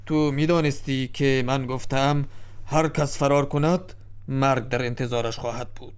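A man's voice: medium pitch, fairly even intonation, clear, resonant tone, lightly acted. A man voicing a shrewd king who questions and commands in a told story. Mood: commanding. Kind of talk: storybook drama reading.

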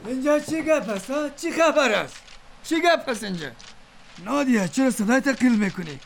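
A man's voice: very high voice, lively intonation, gravelly, a little hiss or hum, full character voice. An actor with an Afghan Dari accent playing a commanding middle-aged male company boss and father. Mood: scolding. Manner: commanding, scolding.

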